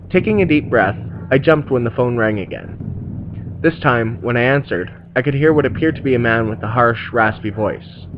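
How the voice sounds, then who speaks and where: A man's voice: mid-range voice, lo-fi sound, noisy background. Man narrating a horror story.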